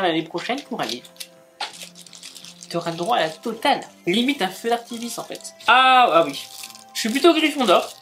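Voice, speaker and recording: A man's voice: fairly high pitch, bright, forceful tone. A man chatting casually as he unboxes gifts, gushing and exclaiming as he goes. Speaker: book and manga YouTuber.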